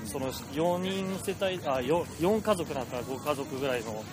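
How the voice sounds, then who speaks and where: A man's voice: a little high, animated, normal speed. A man in his thirties hosting a podcast in casual chat, recorded outdoors on city streets. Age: 30s. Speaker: podcast host.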